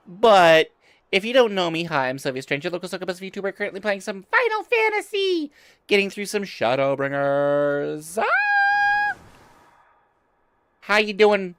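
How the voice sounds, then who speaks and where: Female VTuber, casual game commentary, hugely varied pitch, playful, crude, theatrical asides. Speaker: VTuber streamer.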